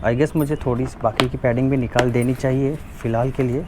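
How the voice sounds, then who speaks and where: Over a noisy background, a man speaks a little fast in a steady, mid-range voice with an Indian accent. This motovlogger gives a casual hands-on walkthrough of unboxing and installing a product, moving between Hindi and English.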